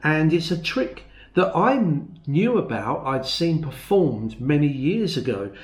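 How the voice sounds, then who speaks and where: A mature man presents close-up magic to viewers in a roomy, echoing space. His voice sits a little high for a man. He takes his time, explaining in measured steps. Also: big pitch swings. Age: 50s or older. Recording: roomy, echoey indoor sound.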